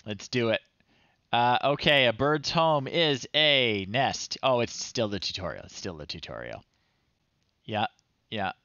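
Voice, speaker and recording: Unhurried and expressive, a thirties-aged man's medium-pitched voice carries his casual stream commentary as he plays, reading the screen and thinking aloud with dry humor. There's no room sound, and the high frequencies are cut off.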